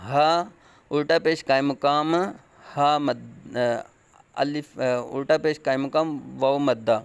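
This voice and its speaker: Male Quran recitation teacher, Pakistani Urdu accent, very smooth resonant tone, slow spelled-out drills with fast asides. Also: fairly even intonation, dry recording. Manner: spells letters slowly and loudly, then explains in a rapid low voice.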